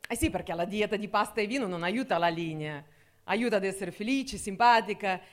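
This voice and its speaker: A young woman from Russia with a Russian accent, performing a deadpan, ironic stand-up comedy set in Italian with slight grammar slips. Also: medium pitch, a little fast.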